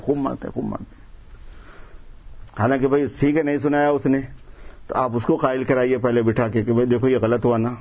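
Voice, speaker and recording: A man's voice: on the high side, muffled recording. A man giving a sermon, explaining patiently and repeating phrases for emphasis. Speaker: religious preacher.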